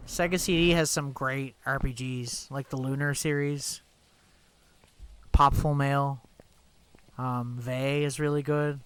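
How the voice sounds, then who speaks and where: A man's voice: mid-range voice, fairly even intonation, slow pace, a bit bright, clean tone. Congested man chatting while streaming a game. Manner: chatty, rambling, many fillers like "like" and "you know". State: stuffed up, congested. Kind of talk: casual live-stream chat while gaming.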